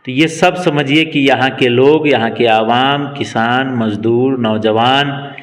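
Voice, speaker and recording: A man in his twenties, a local party worker, speaks slowly in a mid-range voice during a political interview. His delivery is emphatic, with the cadence of a rallying speech, and the recording carries a long reverb.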